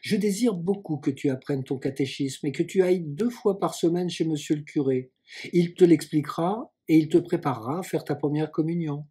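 A man voicing a kind, gently scolding young girl in a storybook reading. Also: on the high side, normal speed, husky. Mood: gentle.

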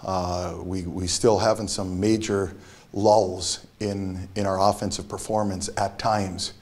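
A middle-aged man, a basketball head coach, giving a postgame interview in a halting, measured way with frequent restarts. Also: low voice, level tone, darkish tone. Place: press backdrop room.

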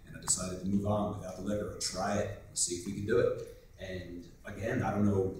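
A man's voice: low voice, flat delivery, fairly quick, darkish tone, slight background noise. A man on a convention panel telling a rambling, joking story. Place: hotel conference room. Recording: echoey room from far off.

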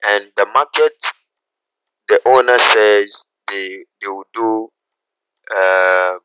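A man teaching a graphic design software tutorial, talking through each step slowly and checking in with "okay?" as he goes. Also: lowish voice, background noise. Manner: unhurried, repeats steps, asks "okay?" often. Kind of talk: screen-recorded software tutorial.

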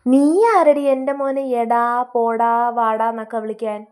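A bossy middle-aged mother-in-law, put on by a woman in a comedy sketch, scolds in a shrill, domineering voice. She sits a little high. She sounds loud and keeps pushing her point. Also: fairly even intonation, moderate pace, smooth, close to an everyday voice. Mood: scolding.

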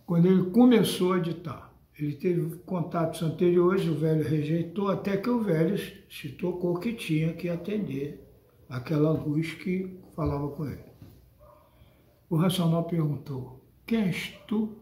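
A man's voice: a little high, normal speed, mellow, reverberant. An older man with a Brazilian Portuguese accent lectures his followers on a spiritual book in an emphatic, scolding tone. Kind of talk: monologue addressed to followers.

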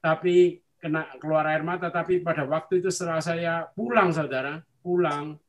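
A man's voice: on the high side, steady tone, moderate pace, dull audio. A man giving an earnest personal faith testimony over a video call, often addressing his listeners directly. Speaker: church testimony speaker.

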